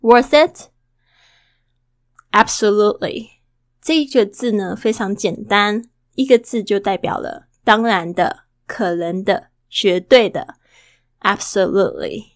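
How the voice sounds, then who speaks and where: A woman's voice: medium pitch, no room sound, studio quality. Chatty woman teaching English pronunciation. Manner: models English pronunciation slowly, repeating words; chatty, asks listeners rhetorical questions. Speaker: English teacher and podcast host. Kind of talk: casual podcast English lesson.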